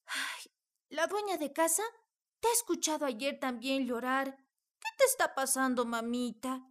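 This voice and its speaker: A woman's voice: high-pitched, a little slow. An actress playing a loving working mother who speaks tenderly and anxiously to her daughter. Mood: tender, worried.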